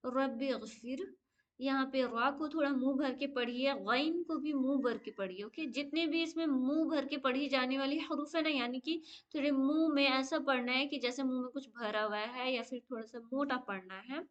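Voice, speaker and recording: High-voiced woman teaching recitation. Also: muffled recording. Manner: patient, explains step by step, often says okay; slow drawn-out chanted Arabic recitation. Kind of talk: online tajweed lesson.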